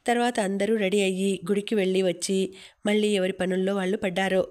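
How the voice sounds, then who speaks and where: A woman narrates a novel for an audiobook. Her delivery is even and steady, with little rise or fall in pitch. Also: brisk. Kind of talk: novel narration reading all parts.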